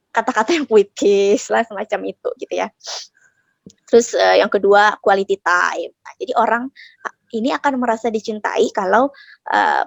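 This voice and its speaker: A woman's voice: mid-range voice, vocal fry, no echo. A young woman giving an informal talk on communication in marriage, chatty and full of fillers and tag words. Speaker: speaker at a study session.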